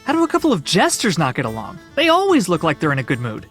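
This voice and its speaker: An actress playing a quirky, quick-witted young heroine in a video game, with a wry, cheeky manner. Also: female voice, lowish voice, huge pitch swings, faint music behind. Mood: cheeky, earnest. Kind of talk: video game character acting.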